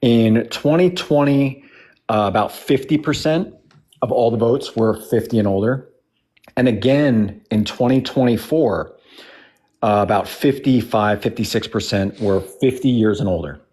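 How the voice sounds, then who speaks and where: Man, forties, blunt, emphatic, argumentative, mid-pitched voice. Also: unhurried, warm tone. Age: 40s. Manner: blunt, emphatic, repeats points, swears. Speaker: debate participant. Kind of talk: heated political argument.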